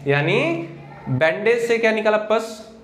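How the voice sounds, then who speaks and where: A man teaching biology to students, asking the class questions and answering them himself, and spelling out key terms slowly word by word. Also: high voice, sing-song, a bit bright. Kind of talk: Hindi classroom lecture. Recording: echoey room with faint noise.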